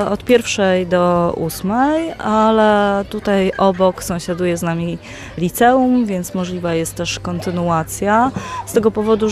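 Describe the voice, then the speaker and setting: A woman representing a school, explaining its teaching program in a matter-of-fact way in an interview. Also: mid-range voice. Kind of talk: interview answers.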